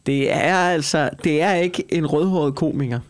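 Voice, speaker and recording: A man chatting casually and argumentatively, emphatic and animated, swearing and piling up repeated phrases to make his point. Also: a little high. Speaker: comedian and talk show co-host.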